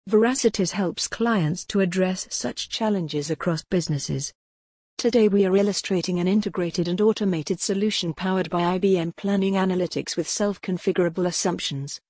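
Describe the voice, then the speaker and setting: A narrator reading a scripted software demo voice-over in an even, measured corporate manner. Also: mid-range voice, no room sound, clean studio sound.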